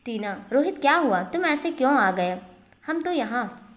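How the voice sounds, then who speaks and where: A woman's voice: high-pitched, big pitch swings, unhurried, voice pushed up. Woman reading as a hurt young woman. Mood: upset.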